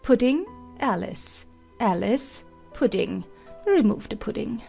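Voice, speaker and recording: A woman's voice: a little high, lively intonation, takes it slowly, creaky, warm tone, soft background music, pitched above the performer's own voice, exaggerated voice. A woman voicing an imperious, sulky queen in a dramatized children's audiobook, giving decisive, clipped commands. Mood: sulky, commanding. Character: imperious, sulky Red Queen chess piece, haughty adult woman.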